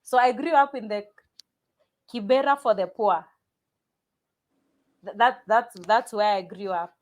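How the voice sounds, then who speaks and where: A Kenyan woman who is a pastor chats casually as a guest in an interview, her medium-pitched voice unhurried. She frequently restarts sentences and repeats words.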